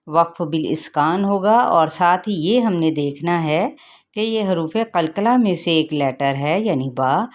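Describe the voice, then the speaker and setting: A middle-aged woman teaching Quran recitation rules, explaining patiently and asking her students questions as she goes. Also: low-pitched.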